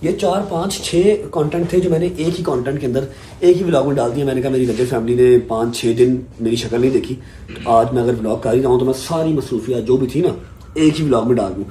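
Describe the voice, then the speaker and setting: A man's voice: medium pitch, a little fast, warm tone. A man from Pakistan vlogging casually, joking and talking straight to his viewers. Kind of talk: casual family vlog chat. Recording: echoey rooms with faint noise.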